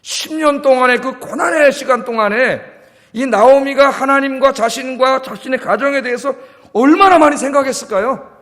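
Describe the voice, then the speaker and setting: A man's voice: very high voice, normal speed, a bit bright. A male pastor preaching a sermon. He asks the congregation questions, answers them himself, and lets his voice fall almost to a whisper at the ends of phrases. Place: church sanctuary. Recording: long church reverb.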